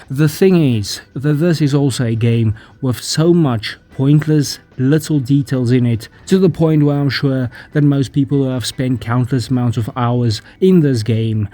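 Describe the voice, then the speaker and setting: A man giving sarcastic, deadpan commentary on video games, casual and sometimes profane. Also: medium pitch. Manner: deadpan mock-dramatic delivery. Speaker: gaming YouTuber.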